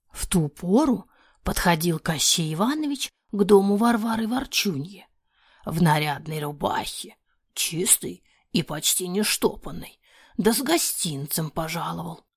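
Lady reading a fairy tale aloud, expressive and breathy, medium voice, dry close sound. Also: mid-range voice, no room sound. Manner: expressive, often breathy near-whisper. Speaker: narrator. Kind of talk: fairy-tale audiobook narration.

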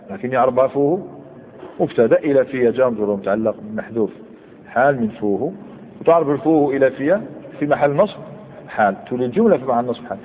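A man teaching a classroom grammar lesson, explaining step by step and quizzing his students with short questions. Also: mid-range voice. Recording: phone-like tinny recording with long hall reverb and faint hiss.

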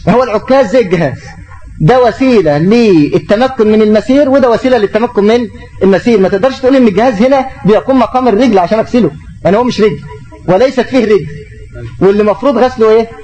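Egyptian teacher, high and quick. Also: male voice, dark tone, rough recording. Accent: Egyptian Arabic. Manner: explains by rhetorical questions. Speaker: Islamic teacher. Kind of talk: religious lesson with questions.

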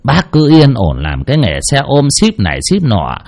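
A man's voice: medium pitch, huge pitch swings, normal speed, creaky, darkish tone, pitched above the performer's own voice, heavily acted. A man doing a sly, chummy freeloader. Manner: wheedling, chummy. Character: sly young male freeloader, overfamiliar.

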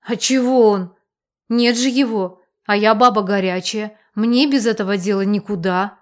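A woman voicing a hot-tempered, defensive village shopkeeper who shouts back indignantly in an audiobook reading. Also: medium pitch, normal speed, lightly acted. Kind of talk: audiobook character voice.

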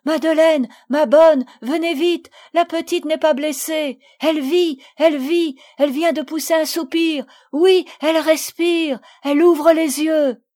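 A woman's voice: fairly high pitch, a little slow, darkish tone, close to an everyday voice. A woman voicing a brave, tender young girl who urges and soothes, in a storybook reading. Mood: joyful, excited. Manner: urgent, soothing.

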